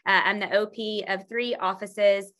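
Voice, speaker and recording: A woman's voice: mid-range voice, steady tone, a little slow, fairly bright tone, lo-fi sound. A middle-aged woman, a real estate team leader, sharing earnest stories with colleagues, full of fillers and restarts. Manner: earnest, storytelling with many fillers. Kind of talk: presentation to colleagues.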